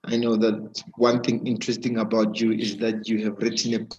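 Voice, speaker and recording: A man hosting a live webinar interview over an online video call with a weak connection, talking haltingly with many fillers and restarts. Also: fairly low pitch, completely flat delivery, a little mellow, a little hiss or hum. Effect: heard over an online video call with a weak connection. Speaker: webinar host. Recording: dull, muffled video call audio.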